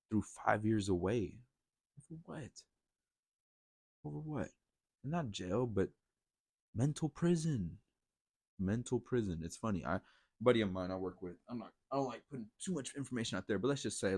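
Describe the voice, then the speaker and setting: A man's voice: low-pitched, darkish tone, no room sound, studio quality. A man hosting a casual motivational monologue, blunt and profane, rambling with frequent restarts. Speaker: podcast host.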